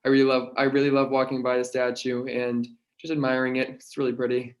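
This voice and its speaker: A man's voice: mid-range voice, monotone, brisk. A young man from Massachusetts on a casual video call panel, earnest and slightly rambling. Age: young adult. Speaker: student panelist. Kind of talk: casual livestream Q&A.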